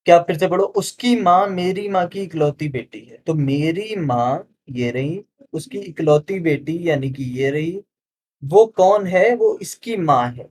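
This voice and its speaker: A man teaching exam reasoning questions in a chatty way, calling viewers friends, checking they follow and slowing down to read out each statement. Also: fairly high pitch, animated, darkish tone. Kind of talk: explaining solved exam questions.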